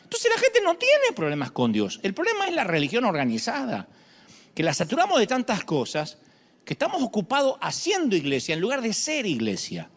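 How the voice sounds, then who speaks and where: A middle-aged man preaching a sermon, dramatic, moving from shouts to hushed lines, with humorous asides. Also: high voice, huge pitch swings, a little fast, long reverb tail.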